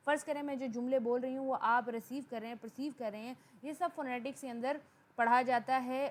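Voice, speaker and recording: High-voiced woman teaching a lecture. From Pakistan. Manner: slows down for English definitions. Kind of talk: explanatory lecture.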